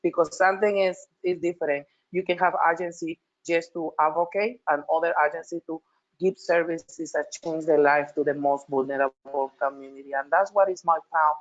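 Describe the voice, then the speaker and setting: A woman from Peru with a Peruvian Spanish accent, speaking as a panelist over a video call, halting, with frequent restarts and repeated words. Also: deep voice, fairly even intonation. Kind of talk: panel talk. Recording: dull lo-fi call audio.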